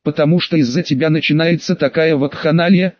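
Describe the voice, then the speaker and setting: A man voicing a huge, hostile four-armed male alien thug who talks in gruff, threatening, curt bursts. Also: fairly high pitch, fairly even intonation, brisk, no room sound, natural voice. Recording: dull dry close-mic recording.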